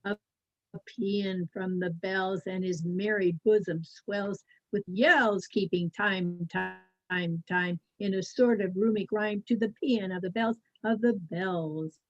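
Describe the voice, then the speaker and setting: A woman reciting a poem slowly and deliberately, shaping her voice to each word, over a laptop video call whose audio glitches, freezes and cuts out. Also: mid-range voice, fairly even intonation, dry recording, dull audio. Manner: slow, deliberate, voice shaped to match each word. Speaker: storyteller. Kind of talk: dramatic poetry reading.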